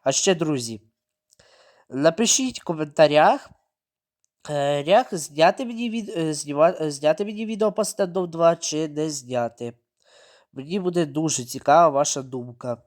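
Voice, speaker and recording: Higher-voiced man narrating his gameplay. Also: moderate pace. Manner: narrates his own moves, repeats words, sudden excited outbursts. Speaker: mobile game streamer. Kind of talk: gameplay commentary.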